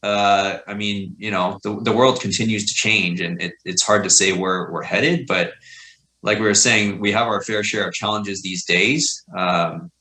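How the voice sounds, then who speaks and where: Middle-aged guy, low but bright voice, rambly podcast guest with lots of ums and you knows. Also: fairly even intonation, a little slow, poor audio. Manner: rambling, filler-heavy, reflective. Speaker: podcast guest, community college teacher. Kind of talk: casual conversation.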